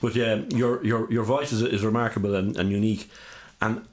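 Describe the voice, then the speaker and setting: A male interviewer with a fairly low voice. He talks conversationally and feels his way into each question, repeating words as he goes. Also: steady tone. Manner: halting, repeats words while forming questions.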